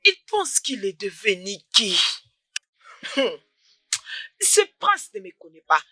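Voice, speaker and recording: A woman's voice: mid-range voice, very animated, slow pace, soft background music, exaggerated voice. Field: a woman playing a fiery young village woman. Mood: defiant. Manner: defiant, loud, combative. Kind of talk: dubbed film acting.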